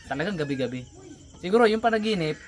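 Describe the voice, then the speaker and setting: A man, telling stories in an animated, casual chat and laughing often. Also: high voice, fast, a little hiss or hum.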